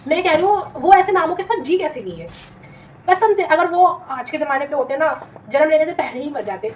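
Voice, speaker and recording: A young woman with a high, bright voice talks, rambling and full of dramatic complaints as she vlogs from her kitchen. She speaks into a phone camera, and a faint room hum sits behind her. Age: young adult. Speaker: vlogger. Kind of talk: casual vlog chat. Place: home kitchen.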